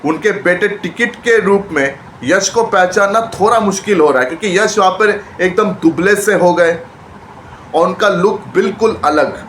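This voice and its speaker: A man reviewing a movie trailer in casual chat, retelling scenes excitedly and often repeating and restarting his phrases. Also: sits high. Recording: echoey room with faint background noise.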